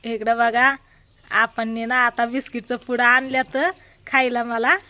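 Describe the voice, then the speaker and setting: A woman chatting casually in a home vlog, talking to her family and excitedly calling to a pet. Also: measured pace. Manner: chatty, excited, calls to a pet in a high sing-song. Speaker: vlogger. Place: home, indoors.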